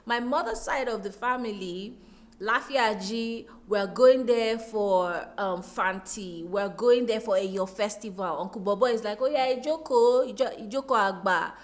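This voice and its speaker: A woman with a Nigerian accent speaks reflectively as an interview guest, telling her story expressively and repeating points for emphasis. Her voice is medium-pitched and her pace measured.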